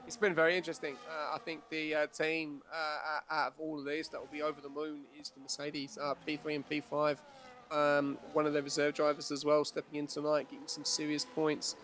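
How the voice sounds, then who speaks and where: A man's voice: on the high side, a little fast. A man commentating a sim racing league, laid-back with many fillers, reading out the running order. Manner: laid-back, many fillers, builds excitement at race starts. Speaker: race commentator.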